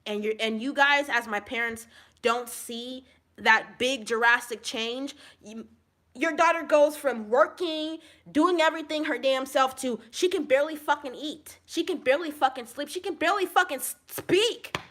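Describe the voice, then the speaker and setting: High, bright-voiced woman ranting profanely. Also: moderate pace. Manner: angry, profane ranting with repeated phrases; swings between shouting and low, subdued talk. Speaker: vlogger. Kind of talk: profane venting monologue to camera.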